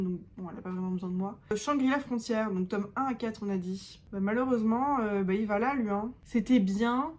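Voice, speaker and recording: A woman's voice: mid-range voice, a little mellow. A woman book vlogger chatting casually through a tier-list review of her reads, thinking aloud with hesitations, enthusiastic and self-mocking.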